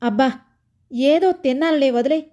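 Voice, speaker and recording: A grumpy middle-aged husband who snaps back gruffly, voiced by a woman storyteller. Irritation sits in every short retort, and the voice stays fairly high. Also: moderate pace, dark tone, close to an everyday voice. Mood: irritated.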